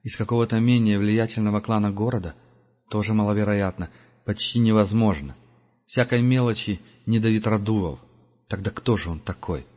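A man narrating an audiobook in a measured, steady storytelling manner. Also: on the low side. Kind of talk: scripted narration. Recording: dull lo-fi audiobook recording.

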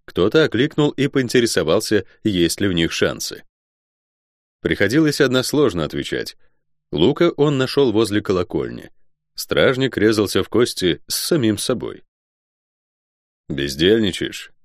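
A man narrating a fantasy audiobook in an expressive storytelling manner. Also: lowish voice, moderate pace, dry recording, studio quality.

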